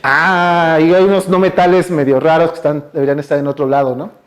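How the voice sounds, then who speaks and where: A man's voice: on the high side, flat delivery, brisk. A man with a Mexican Spanish accent giving a chatty public science talk in a university lecture hall, asking the audience questions and using lots of fillers. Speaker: guest speaker.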